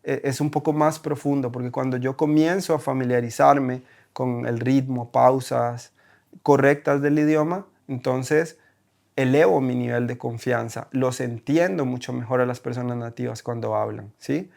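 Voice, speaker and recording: A man with a Costa Rican accent, a German teacher talking as a guest in an interview, animated and full of rhetorical questions. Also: medium pitch, normal speed, gravelly. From Costa Rica. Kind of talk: conversational interview.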